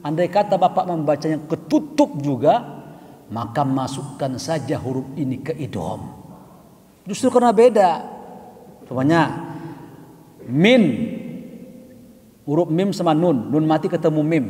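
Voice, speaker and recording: A man teaching Quran recitation rules, chanting verses slowly and then explaining in quick bursts. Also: a little high, big pitch swings, darkish tone. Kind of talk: tajwid lesson, chanting verses and correcting. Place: mosque hall. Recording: echoey mosque hall.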